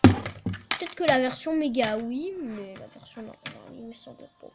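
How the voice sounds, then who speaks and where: A woman giving casual, excitable let's play commentary, chatting to her team and swearing at opponents. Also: fairly high pitch, normal speed, very noisy.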